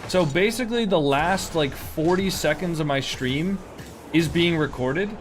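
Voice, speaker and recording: Young man, game streamer, loose filler-heavy chat, a touch high-pitched. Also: measured pace, faint music behind. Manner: rambling, filler-heavy, indignant. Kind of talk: casual live-stream chat.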